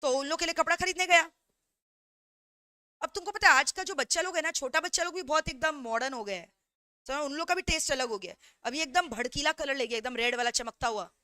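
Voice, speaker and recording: A woman law teacher giving an animated revision lecture through stories, mixing in English phrases and constantly checking that students follow along. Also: high-pitched, a little fast, no echo, studio quality.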